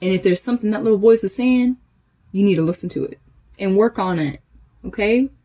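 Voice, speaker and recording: A woman's voice: medium pitch, a little fast, mellow. A woman giving a casual channeled tarot reading, chatty and emphatic, coaching her listeners directly. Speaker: tarot reader.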